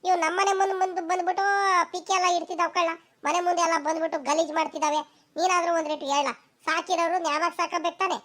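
A woman voicing a quarrelsome old village grandmother in a cartoon, who scolds in a rapid village dialect and calls people over loudly. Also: very high voice, little pitch movement. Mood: complaining.

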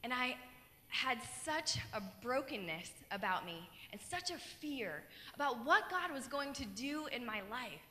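A young woman from Colorado earnestly relates her personal testimony as keynote speaker, holding a handheld mic on a large, dark auditorium stage and gesturing animatedly. She has a high voice and a measured pace, carried by a long hall reverb.

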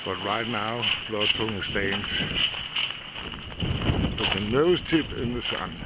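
A man's voice: fairly low pitch, slow. A man, filming a casual sailing vlog at a boatyard and harbor, speaking simple enthusiastic English. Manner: plain, simple phrasing, enthusiastic about boats. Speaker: sailing vlogger. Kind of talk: casual handheld vlog narration. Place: outdoors at a boatyard and harbor, also a wooden cabin. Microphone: handheld camera mic. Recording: loud wind noise on camera mic. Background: loud wind and water.

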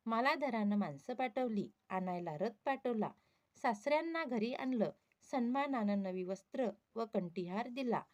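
A woman narrating a devotional story in a measured storytelling manner. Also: on the high side, a little mellow.

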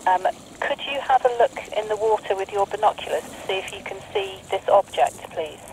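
A woman's voice: mid-range voice, sing-song, brisk, darkish tone, a little hiss or hum, poor audio. Woman coast guard voice over marine radio. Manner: clipped, methodical call-and-response phrasing. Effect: heard over a marine VHF radio. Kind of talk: formal radio procedure.

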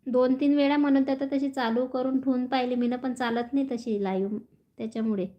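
A woman's voice: sits high, fairly even intonation, fairly quick, dull audio. A woman chatting casually on a phone live stream, reading out viewer comments and laughing often. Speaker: vlogger reading live chat.

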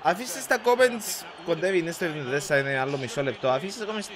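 A young man from Cyprus giving excitable live commentary over a football video game, swearing at the game and mixing in English slang. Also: a crowd in the background. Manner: bursts into high shouting at goals. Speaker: gaming YouTuber.

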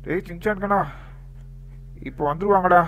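A man's voice: sits high, fairly even intonation, moderate pace, low-quality recording. A man narrating a role-play game story, reassuring and explaining things in a playful tone.

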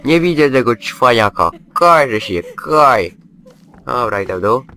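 A man's voice: medium pitch, lively intonation, measured pace, pushed and bright. A man commenting on his own play of a horror game, joking and chatting to the game's characters in a mock-soothing way. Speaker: gameplay commentator.

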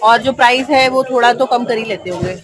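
A woman's voice: a little high, a little fast. A woman vlogging through a busy outdoor market, chatting casually with sellers, asking prices and repeating them for viewers. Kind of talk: casual shopping vlog. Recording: loud crowd noise outdoors. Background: market crowd chatter.

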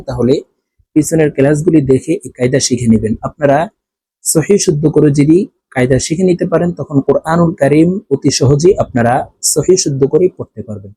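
A man with a Bangladeshi Bengali accent, teaching Quran reading with slow, drawn-out syllable drills and repeated words. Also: a little high, dark tone, breathy edge, no room sound. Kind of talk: step-by-step recitation lesson.

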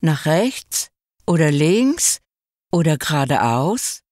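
A woman voicing an eager, bossy tall puppet in a read-aloud fairy tale, in a lively, raised voice. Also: sits low, slow, no echo, clean studio sound, full character voice. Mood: restless, eager. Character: cheeky restless tall male puppet.

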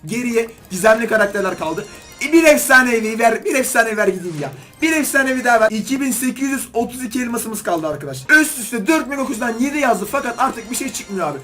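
A man doing excited gaming commentary as a YouTuber, pleading with and scolding the game while opening loot boxes. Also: high-pitched.

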